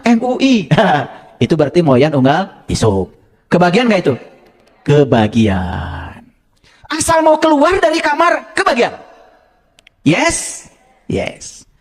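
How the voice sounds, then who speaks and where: A man preaching to a live audience in a high voice that leaps up and down. He jokes, fires questions at the listeners and drops into local phrases. His delivery is playful and conversational rather than solemn. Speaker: religious teacher. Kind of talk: interactive religious lecture to an audience.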